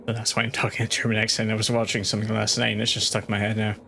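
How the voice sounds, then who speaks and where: A man's voice: fairly low pitch, monotone, racing, vocal fry, sharp tone, slight background noise. A man streaming a game live, chatting casually and rambling with lots of restarts. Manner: rambling, full of fillers and restarts. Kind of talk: casual gaming livestream chat.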